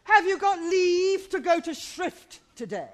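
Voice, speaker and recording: A woman's voice: very high-pitched, very animated, measured pace, heavily acted. A woman playing a garrulous older nurse in a Shakespeare play, teasing and groaning about her aches. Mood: fussy teasing. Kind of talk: Shakespeare stage acting.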